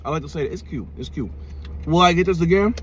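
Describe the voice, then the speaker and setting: A man's voice: fairly high pitch, animated, quick pace, a bit bright, slight background noise. A man reviewing food in a casual vlog, talking slangily and thinking aloud while he chews with his mouth full. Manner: slangy, laid-back, thinking aloud between bites.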